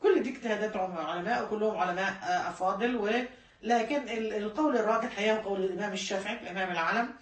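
A woman's voice: mid-range voice, very fast, roomy sound, recorded from a distance. A woman with an Egyptian Arabic accent, teaching a classroom lesson and explaining patiently, repeating key points and correcting herself mid-word. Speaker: religious studies teacher. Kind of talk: classroom lecture.

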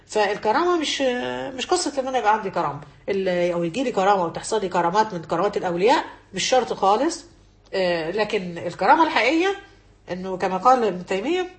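A woman's voice: medium pitch, roomy sound. An Egyptian woman teaching a religious lesson to women, earnest, repeating key phrases and quoting scholars. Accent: Egyptian Arabic.

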